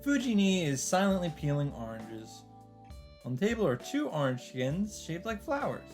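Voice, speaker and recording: A high-voiced man reads a visual novel aloud at a normal pace, sounding very animated and a little mellow. He drops in casual commentary like a let's-play host while game music plays in the background.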